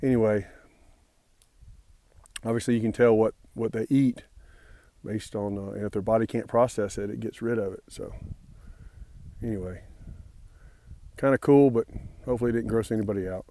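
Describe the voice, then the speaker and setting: A man's voice: fairly low pitch, fairly even intonation, moderate pace, long pauses, dark tone, no room sound. A man vlogging casually outdoors on a mountain trail, friendly and rambling, with many fillers and restarts. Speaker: hiker vlogging his trail days.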